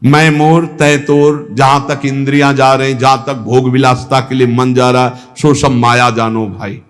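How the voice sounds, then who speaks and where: A man giving a devotional discourse as a spiritual teacher, slow and measured, drawing out and half-singing the verses he quotes. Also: mid-range voice, flat delivery, fairly bright tone, big-room sound.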